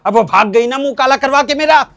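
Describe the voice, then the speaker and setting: A man's voice: high voice, normal speed. A man playing a fiery preachy cleric father. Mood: furious. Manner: forceful, preachy. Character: hardline male cleric father, scheming and angry. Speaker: actor in a short drama. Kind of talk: Hindi short-film acting.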